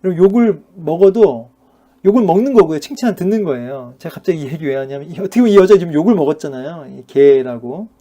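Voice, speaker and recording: A man's voice: on the high side, expressive, fast, mellow. A middle-aged male pastor giving a Bible lecture in a conversational manner, full of fillers and rhetorical questions to his listeners. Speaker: pastor teaching a Bible class. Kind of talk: sermon-style Bible lecture.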